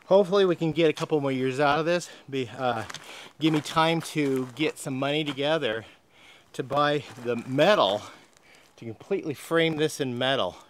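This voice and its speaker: A man's voice: fairly high pitch, normal speed, slight background noise, low-quality recording. An older man hosting a homestead vlog, chatting casually outdoors in a sunny farmyard in a plainspoken way with frequent "uh" fillers. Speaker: homestead channel host.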